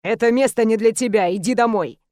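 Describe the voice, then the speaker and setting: A woman's voice: on the high side, a little fast, darkish tone, no room sound, studio quality, pitched below the performer's own voice, natural voice. A woman reading an audiobook voices a brooding, domineering man who growls his lines through clenched teeth. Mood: harsh.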